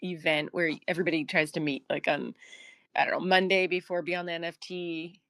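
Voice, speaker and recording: A woman takes part in a casual online community call, thinking aloud and hedging with "like". Her voice sits on the low side for a woman. The sound is dry and close-miked. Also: fairly even intonation, fairly quick, fairly bright tone, no echo. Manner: chatty, laughs often, hedging with "like".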